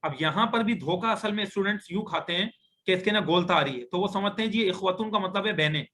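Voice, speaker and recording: Bright high-voiced male Arabic teacher. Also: a little hiss or hum. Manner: patient, explains step by step while writing on screen. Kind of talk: online grammar lecture. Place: online class on a video call.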